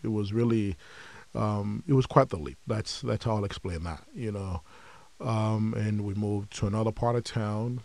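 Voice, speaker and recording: Middle-aged man from Nigeria, low warm tone, reflective interview guest. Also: creaky. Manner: measured, frequent um fillers, reflective. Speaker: podcast guest, company founder. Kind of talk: conversational interview.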